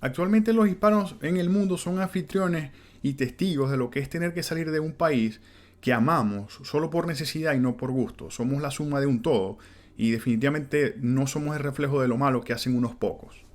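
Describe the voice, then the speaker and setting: A man's voice: medium pitch, a little fast, a little mellow. Earnest Venezuelan man, podcast talk. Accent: Venezuelan Spanish. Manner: earnest, conversational, with fillers like "este" and "pues". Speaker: podcast host. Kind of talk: reflective solo podcast monologue.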